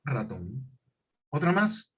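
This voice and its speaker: A man teaching a class, explaining slowly and deliberately and checking often that his students follow. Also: mid-range voice, very animated, breathy edge, poor audio. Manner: questioning, repetitive explanations with check-ins. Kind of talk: classroom lecture.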